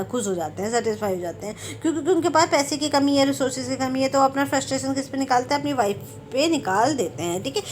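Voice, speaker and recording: A woman's voice: sits high, darkish tone, slight background noise. A woman teaching an exam-prep home science lecture, explaining step by step and checking in often with "okay". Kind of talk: Hindi lecture for exam students.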